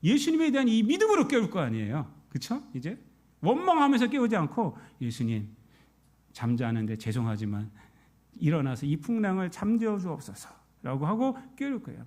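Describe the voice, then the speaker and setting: High, animated male pastor preaching. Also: normal speed. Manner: preaches with rhetorical questions to the congregation; swings between loud emphatic peaks and soft low asides. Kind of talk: Sunday sermon.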